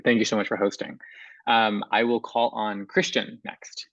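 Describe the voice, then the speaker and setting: Flat-toned low American man. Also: normal speed, vocal fry, no echo. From United States. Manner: flat, self-deprecating, filler-heavy. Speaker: course participant. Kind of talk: casual video-call introduction. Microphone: video call. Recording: dry, dull video-call audio.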